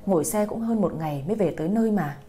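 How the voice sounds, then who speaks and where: A woman's voice: mid-range voice, expressive, fast talker, mellow, soft background music, lightly acted. A woman voicing a young mother frantic over her missing son, speaking tearfully and pleadingly. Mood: distraught.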